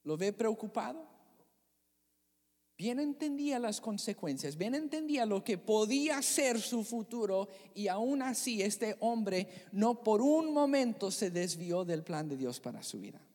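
A pastor preaching a sermon in a church, expressive and dramatic, asking the congregation questions. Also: mid-range voice, a little slow. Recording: long church hall reverb.

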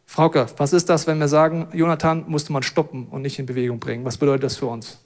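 A male pastor with a fairly high voice delivers a sermon. He reads a Bible passage aloud and turns to his listeners to speak to them directly, one by one. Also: flat delivery, fast talker.

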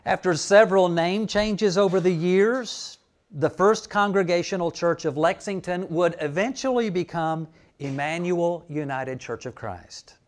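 A man's voice: high voice, unhurried. A man pastor giving a conversational sermon, reading scripture and telling church history.

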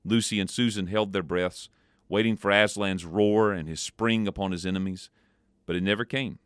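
A man reads a story aloud in a measured, expressive way, then turns to a brief devotional reflection. His voice is fairly low. The sound is dry and close, with no room echo. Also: clear, resonant tone. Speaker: devotional podcast host.

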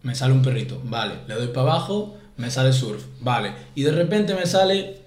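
A young man from Spain co-hosting a podcast, telling animated stories in casual slang. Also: medium pitch, normal speed. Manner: animated storyteller, says "en plan" constantly. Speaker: podcast co-host. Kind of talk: casual chat. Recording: roomy echo.

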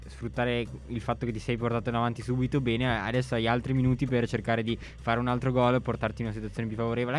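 A man giving casual football analysis as a panelist, hesitant and often repeating words as he forms his point. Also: medium pitch.

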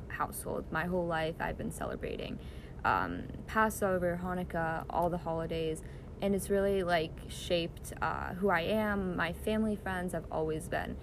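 A woman's voice: fairly low pitch, creaky, background noise. A young woman born in Israel and raised in the US, answering interview questions earnestly with many fillers, recorded on a phone in a backyard. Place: outdoors in a backyard.

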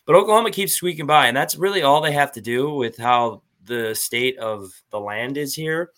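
Animated bright-voiced man chatting sports. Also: mid-range voice, moderate pace. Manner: animated, laughs often, swears casually. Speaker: podcast co-host. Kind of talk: casual sports chat.

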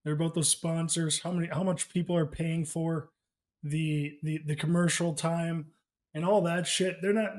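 A man's voice: on the high side, fairly even intonation, normal speed, a little mellow. A man co-hosting a casual sports podcast, chatting like a profane frat bro who often stammers and restarts. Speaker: podcast co-host.

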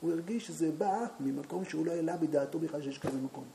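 A man teaching a Talmud class, telling a story to his students and turning to them with questions, now and then rising into loud, animated outbursts. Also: on the high side, creaky, a little hiss or hum.

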